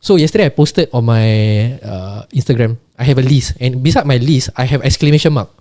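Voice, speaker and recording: A man with a Singaporean accent talks quickly in a soft-edged, mellow voice. He explains casually and emphatically, repeating words and checking in with little tags. The sound is close and dry. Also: mid-range voice, no echo. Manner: emphatic, repetitive, often tags sentences with "right" and "lah". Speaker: podcast guest.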